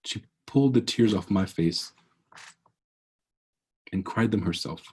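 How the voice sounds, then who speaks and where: Over a video call, a man in his forties gives a heartfelt motivational keynote in a low, slightly husky voice. His delivery carries a preacher's earnest cadence, and he frequently restarts phrases. The pace is measured and the tone mellow.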